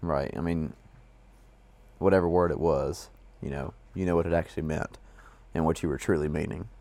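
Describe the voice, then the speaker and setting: A man with a very deep, mellow voice co-hosts a casual faith chat. He rambles loosely, leaning on fillers as he thinks aloud. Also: fairly even intonation, moderate pace, no room sound. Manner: rambling, full of "you know" fillers. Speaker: co-host.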